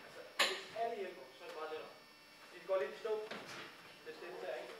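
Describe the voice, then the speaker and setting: A man with a very high voice runs a school play rehearsal, giving brisk instructions and thinking aloud as he goes. He is picked up by a distant camera in a large school hall. The sound is heavily echoey with clear background noise. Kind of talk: directing a rehearsal. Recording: echoey hall from far off, noisy.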